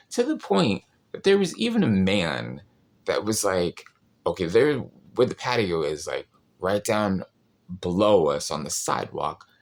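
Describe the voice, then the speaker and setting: A man who works as a restaurant server, telling a story in a casual, animated way with lots of fillers. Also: sits low. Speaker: podcast host, restaurant server.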